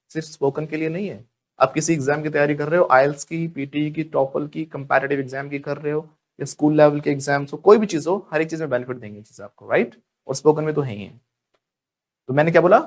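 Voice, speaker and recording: Male teacher drilling a class. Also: a little high. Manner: drills students with call-and-response prompts; slows down sharply on model English phrases. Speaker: spoken English teacher. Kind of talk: live class lecture.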